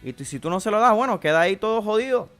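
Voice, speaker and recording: Playing a crude, wisecracking Miami character with a heavy Cuban Spanish accent, the streamer races through his cards in casual, playful commentary. The voice is fairly high for a man, expressive and fairly bright, with faint guitar behind it.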